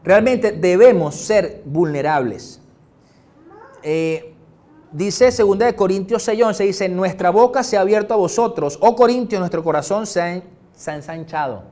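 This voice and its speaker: Male Venezuelan pastor, higher-pitched, chatty sermon full of jokes and acted-out exchanges. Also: measured pace. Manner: animated, joking, acts out little dialogues. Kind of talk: conversational sermon.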